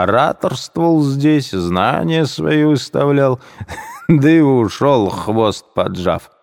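A man reading a tipsy young man's lines, loud and boisterous. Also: mid-range voice, creaky, in a large hall, pitched above the performer's own voice.

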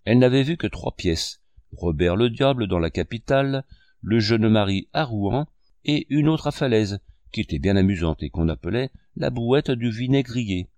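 A man narrating a classic novel as an audiobook, in a measured, expressive reading. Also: lowish voice, no room sound.

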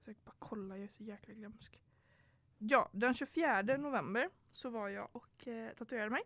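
A woman's voice: fairly high pitch, fairly bright tone, no echo. A young woman co-hosting a casual podcast, reacting and teasing, then rambling a little while she tries to remember details. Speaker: podcast co-host. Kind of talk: casual chat.

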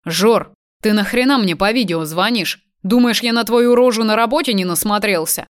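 A man's voice: sits high, moderate pace. A woman reading the part of a furious, powerful businessman with a criminal past who threatens the kidnapper. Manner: threatening, shouting.

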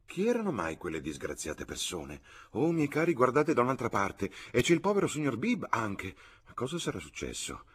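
A man voicing a fussy, excitable older mother who talks in fretful exclamations. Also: medium pitch, normal speed, husky, voice pushed up.

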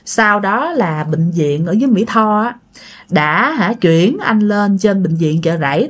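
Woman, Southern Vietnamese accent, casual ghost story telling, chatty, talks to listeners. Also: medium pitch. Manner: chatty, addresses listeners directly.

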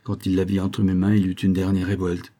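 A man reading a classic story aloud as an audiobook, in a measured, cold and commanding manner. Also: deep voice, completely flat delivery, mellow. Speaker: audiobook narrator.

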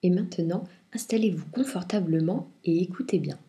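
A woman reviewing and reading a children's picture book aloud in clear, expressive storytelling. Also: fairly low pitch, fairly quick, heavy background noise. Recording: roomy echo.

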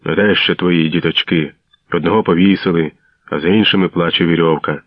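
A coarse, bullying mustached gendarme, as a male narrator puts him on, barking and sneering in a loud, rough voice. The deep-voiced reading sounds dry and dull, like an old radio drama recording. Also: fairly even intonation, fairly quick, no echo. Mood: mocking. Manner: rude, mocking, barking.

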